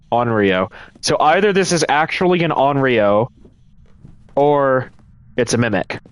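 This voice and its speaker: A man's voice: medium pitch, no room sound. A man streaming a ghost-hunting game live, casually thinking aloud and explaining his moves to the chat. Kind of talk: live gameplay commentary.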